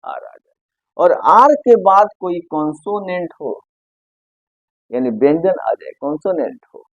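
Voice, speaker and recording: A man's voice: high-pitched, lively intonation, unhurried, dry recording, highs cut off. A man teaching an English pronunciation lesson in Hindi, asking questions and answering them himself, repeating key points. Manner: stretches out single words, often ends with "ठीक है ना?".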